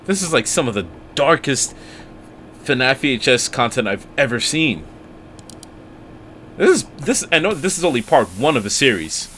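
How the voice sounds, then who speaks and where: A man's voice: medium pitch, big pitch swings, normal speed, long pauses, fairly bright tone, slight background noise. A man hosting a reaction video, commenting casually and incredulously in slangy talk addressed to the characters.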